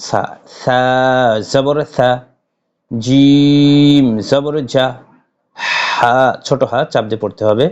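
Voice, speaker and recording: A man's voice: medium pitch, a little mellow. Patient male Quran teacher. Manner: drawn-out, emphatic letter-by-letter recitation with slow stretched syllables; patient, repetitive explaining with frequent pauses. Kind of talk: spelled-out recitation lesson. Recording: slightly dull lo-fi audio.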